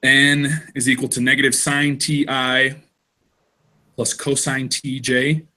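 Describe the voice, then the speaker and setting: A man's voice: mid-range voice, little pitch movement, slow, sharp tone. A man in a student study group, reading out his math answers step by step in casual chat. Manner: talks through math steps aloud.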